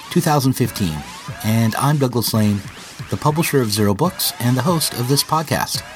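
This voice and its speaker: A man hosting a podcast, reading a scripted introduction and then chatting loosely with his guest, often halting. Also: medium pitch. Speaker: podcast host and publisher. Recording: faint music under the intro.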